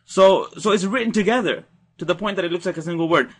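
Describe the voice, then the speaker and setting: A man's voice: high voice, fast, breathy edge. A man teaching Arabic verb conjugation in a recorded slide lecture, explaining patiently and repeating key points.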